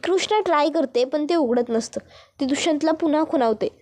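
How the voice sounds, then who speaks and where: A woman narrating a serial episode recap as a lively story. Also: sits high, a little fast.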